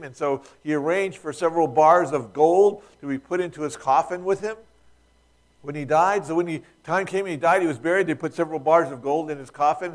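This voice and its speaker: A male pastor delivering a sermon in a loose, conversational way, full of asides and restarted sentences. His voice sits a little higher than most men's. He pushes louder and more emphatic whenever he lands a key point. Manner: relaxed, chatty, with frequent restarts and asides.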